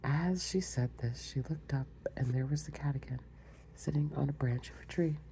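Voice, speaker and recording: A woman reading a storybook aloud in a soft, close, unhurried ASMR manner as whispered role-play, with small spoken asides. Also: low voice, a little hiss or hum, rough recording. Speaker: ASMR reader.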